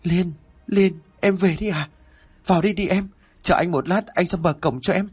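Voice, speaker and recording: A grief-stricken young man voiced by a male narrator pleads tearfully in a horror audio story. His voice sits higher than the narrator's and has a husky edge. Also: lively intonation, a little fast. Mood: longing. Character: grieving young man in a wheelchair, desperate.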